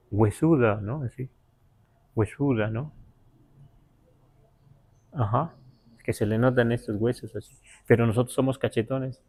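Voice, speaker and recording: A man with a Mexican Spanish accent teaching a language class, halting with many fillers and spelling words out syllable by syllable. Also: mid-range voice, a little mellow. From Huasteca, Mexico. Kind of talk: live class explanation.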